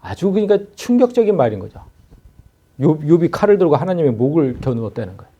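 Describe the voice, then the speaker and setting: Pastor preaching expository sermon; warm low timbre, swinging pitch, acts out scolding lines. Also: male voice, fast, husky, lo-fi sound. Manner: lively expository preaching, acts out scripture speakers in a scolding informal tone. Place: church.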